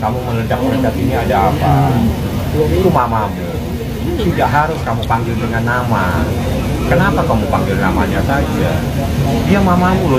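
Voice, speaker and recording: A man lawyer earnestly recounting to reporters how he calmed and advised a young client. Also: mid-range voice. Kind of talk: recounting to press. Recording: loud background noise.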